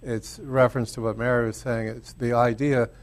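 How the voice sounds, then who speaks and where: A man's voice: mid-range voice, little pitch movement, moderate pace. A man co-hosting a spiritual talk show, coaching a caller and checking that she follows. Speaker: show host. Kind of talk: spiritual talk radio chat.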